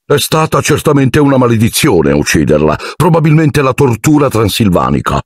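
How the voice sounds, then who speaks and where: Man doing a boastful wizard teacher, pompous, high and showy, dry close sound. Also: very animated, moderate pace, no room sound. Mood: pompous boasting. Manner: pompous, self-important.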